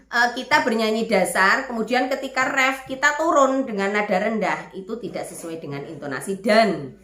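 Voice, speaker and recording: Woman teacher, bright clear voice, explains step by step, echoey room. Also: a little high. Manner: explains step by step, checks understanding. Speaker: music teacher. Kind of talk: online class lesson.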